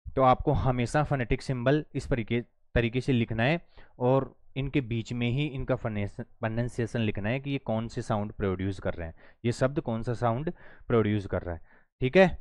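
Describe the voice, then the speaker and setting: A man teaching an online English lesson in Hindi, explaining step by step and repeating words slowly while he writes. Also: medium pitch, a little mellow, no echo.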